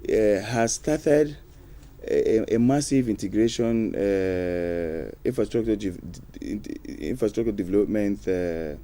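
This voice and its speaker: A man's voice: on the low side, a little slow, warm tone. A man answering interview questions as a studio guest, hesitant with many fillers. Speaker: studio guest, youth program official.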